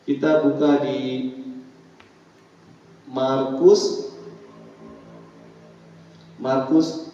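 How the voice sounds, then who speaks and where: A man's voice: mid-range voice, level tone, drawn-out words, long pauses, warm tone. A male pastor preaching a sermon, emphatic, constantly addressing his congregation as he leads a scripture reading. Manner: emphatic, keeps tagging lines with "ya, saudara" to the congregation. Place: church hall. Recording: echoey church hall, distant dull mic.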